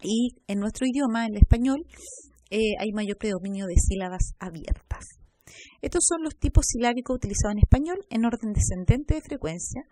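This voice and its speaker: A woman giving a recorded lecture, explaining step by step, sounding out example words slowly and checking with short tag questions. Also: on the high side, warm tone, no room sound. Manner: spells out syllables slowly. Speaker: teacher.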